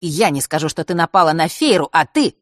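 A guarded, defiant teenage boy, as a woman narrator reads him answers slowly in short, clipped lines. The audiobook recording is close and dry. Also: low-pitched, no echo. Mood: cool. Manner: slow, flat, clipped replies. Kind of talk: audiobook character reading.

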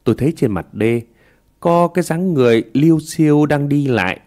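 A man narrating a ghost story in a slow, hushed storytelling manner. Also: fairly high pitch, lively intonation.

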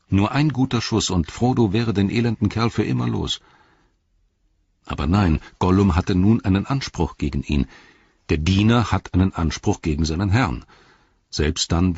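Brief: low-voiced male audiobook narrator, breathy, dry close sound. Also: a little mellow, dry recording, highs cut off. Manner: measured storytelling. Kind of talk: scripted narration.

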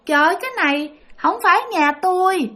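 A woman with a Southern Vietnamese accent voicing a lonely, hungry child ghost who whines and cries in a small, high voice. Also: fast talker, sharp tone. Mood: whiny childlike. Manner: whiny, tearful, childish.

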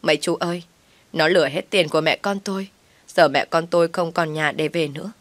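A woman voicing a desperate older mother-in-law who pleads loudly. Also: low-pitched, fairly even intonation, a little fast, dry recording, lightly acted. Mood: begging. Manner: loud and pleading.

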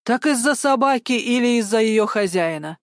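A woman's voice: on the high side, expressive, moderate pace, no room sound. Brief: put-upon young sergeant, read by a woman, exasperated and whiny, dry studio sound.

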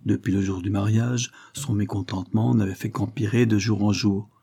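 Man reading a novel aloud, deep-ish mellow voice, bit husky, steady. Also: normal speed. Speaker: audiobook narrator. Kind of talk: scripted novel narration.

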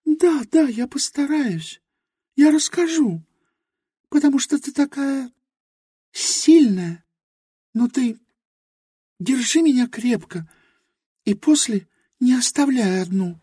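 A woman's voice: high-pitched, lively intonation, slow, pauses often, dark tone, breathy edge, no echo, clean studio sound, exaggerated voice. Woman playing a timid, childlike young girl. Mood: fearful. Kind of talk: audiobook character reading.

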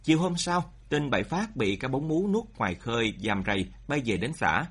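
A man narrating a story in an expressive way, speeding up and slowing down for drama. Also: mid-range voice, breathy edge. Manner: expressive, shifting pace for drama.

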